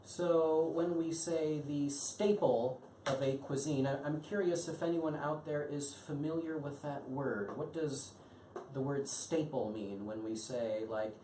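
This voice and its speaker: A low-pitched American woman leads an English class, encouraging her students with plenty of ums. She sounds a bit far from the mic, in an echoey room with a faint hum behind her. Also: slow pace, mellow. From United States. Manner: encouraging, lots of um and mm-hmm. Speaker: English teacher hosting a live lesson. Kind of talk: interactive language lesson.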